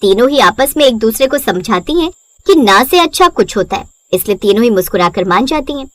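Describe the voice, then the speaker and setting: A woman narrates a scripted bedtime story in a high voice, her intonation swinging widely and lively. She speaks fairly quickly.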